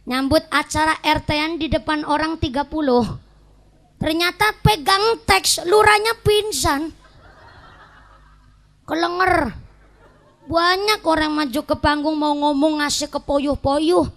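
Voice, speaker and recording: High-voiced woman preacher with ngapak accent. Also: slow pace, long pauses. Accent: Banyumasan (ngapak). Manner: lively storytelling, mimics voices and mixes local dialects for jokes. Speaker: female Islamic preacher. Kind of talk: humorous sermon to a congregation.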